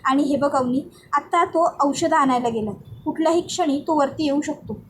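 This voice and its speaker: A woman voicing a firm but caring sister-in-law who scolds and then calms a young woman. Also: sits high, normal speed, a little hiss or hum, natural voice. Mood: soothing.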